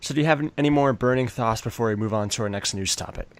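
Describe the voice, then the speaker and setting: A man hosting a casual podcast, steering the panel with an easygoing, halting manner. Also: mid-range voice, dry recording. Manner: easygoing, leads the talk, hesitant fillers. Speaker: podcast host. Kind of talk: casual chat.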